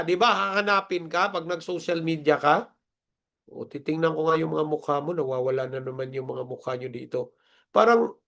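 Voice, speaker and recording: A man's voice: a little high, gravelly, fairly bright tone. A man coaching an online seminar over a video call, emphatic and firing off rhetorical questions. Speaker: marketing coach.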